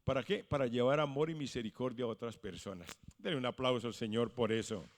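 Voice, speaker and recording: A male pastor preaching a sermon, swinging from hushed lines to loud exclamations. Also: medium pitch, fast, long reverb tail. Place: church.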